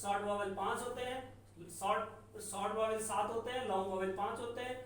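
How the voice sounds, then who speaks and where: A teacher giving a classroom lesson, explaining slowly and repeating each example sound again and again, recorded in a classroom with a board. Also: mid-range voice, steady tone, a bit bright. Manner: slow, repetitive, sounding out examples. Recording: very echoey room from far off, faint noise.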